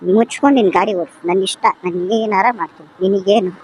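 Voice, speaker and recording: A bossy, back-talking motorbike, as a man puts on its voice, scolding its rider nonstop in a comic motovlog. The voice sits fairly high and races along at a rapid clip. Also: steady tone, darkish tone, a little hiss or hum, rough recording. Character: cheeky nagging talking motorbike.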